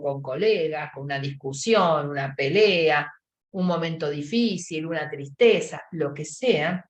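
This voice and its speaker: Woman with a Rioplatense accent, lower voice, giving a lively lecture that acts out everyday scenes, recorded in an echoey room. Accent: Rioplatense Spanish. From Argentina. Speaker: psychologist lecturer. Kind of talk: lecture to professionals.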